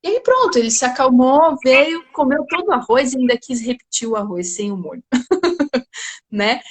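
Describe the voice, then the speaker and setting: A woman's voice: high voice, lively intonation, moderate pace. Chatty woman explaining parenting tips. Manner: tags sentences often with 'né?'. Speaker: parenting guest speaker. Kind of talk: casual explanation in a live talk. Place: at home.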